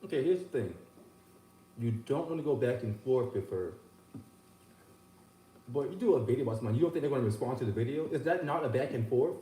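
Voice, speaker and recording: A man's voice: mid-range voice, animated, brisk, pauses often, warm tone. A man hosting a reaction commentary, sarcastically questioning the clip he plays. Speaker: commentary channel host. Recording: echoey room, faint hiss.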